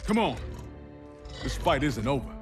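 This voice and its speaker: A man's voice: mid-range voice, sing-song, normal speed, over music, lightly acted. An actor playing an anguished, stubborn soldier father in a video game, blunt and earnest in his delivery. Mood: grim. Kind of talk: dramatic video game acting.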